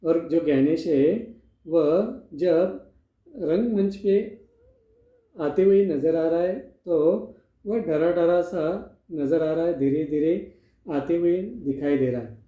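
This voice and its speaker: Slow, deliberate male teacher. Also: a little high, mellow. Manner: explains step by step, asks and answers his own questions. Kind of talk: classroom lesson explaining a play. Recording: echoey room, phone-like sound.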